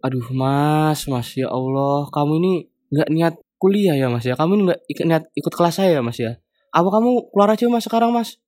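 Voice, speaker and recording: A man voicing a strict, irritated middle-aged female lecturer who scolds a student, raising his pitch and volume for her. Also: fast, few pauses, a little mellow, no room sound, clean studio sound, lightly acted. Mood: scolding. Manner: shrill, exasperated scolding.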